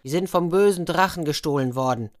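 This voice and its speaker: A woman voicing rough, bossy royal messengers who shout their orders in a storybook reading. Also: sits low, brisk, lightly acted.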